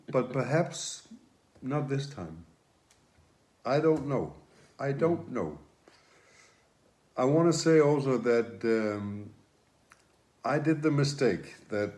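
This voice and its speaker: Slow, hesitant man telling a story. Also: medium pitch, a little mellow, slight background noise. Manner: hesitant, self-deprecating, laughs between words. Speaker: chateau guest. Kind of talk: casual chat to camera.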